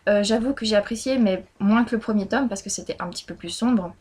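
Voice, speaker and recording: A woman's voice: mid-range voice, brisk, darkish tone, slightly rough. Chatty woman reviewing books. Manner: chatty, hesitant, many fillers and restarts. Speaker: book blogger. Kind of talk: casual monthly reading review.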